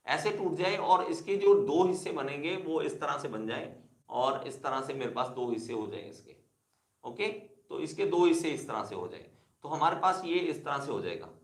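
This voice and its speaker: A man's voice: fairly high pitch, echoey room. A male engineering teacher giving a classroom lecture, repeating key terms and calling his students kids. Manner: repetitive, addresses students as kids.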